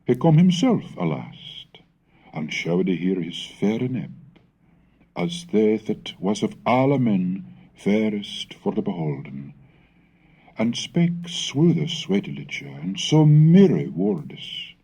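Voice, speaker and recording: On a 1970s educational cassette, a lecturer on the history of English reads a scripted narration in a scholarly, measured way, growing theatrical when he recites Middle English verse. His voice is lowish and dark with a breathy edge.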